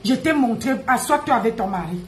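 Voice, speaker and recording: A woman, ranting and mocking on a live stream, loud, laughing and teasing. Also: fairly high pitch, expressive, fairly quick. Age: 50s. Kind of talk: Facebook live rant. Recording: echoey room.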